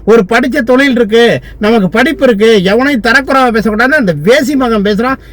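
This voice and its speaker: A man's voice: very high-pitched, brisk, a bit bright. A man from Tamil Nadu, a lawyer, delivering a furious, abusive political rant full of insults.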